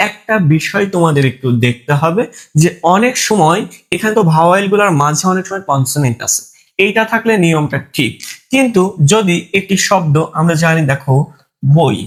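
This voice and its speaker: A man's voice: a little high, moderate pace. A man teaching a grammar lesson, asking his students questions and answering them himself. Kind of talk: online lesson.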